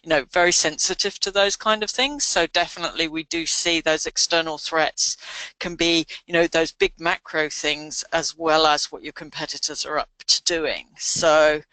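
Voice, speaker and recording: A woman co-hosting a coaching call, measured and explanatory as she adds examples. Her voice is bright and forceful, her pitch mid-range, recorded close and dry. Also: fairly even intonation, dry recording. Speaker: travel researcher and co-host. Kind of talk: casual explanatory chat.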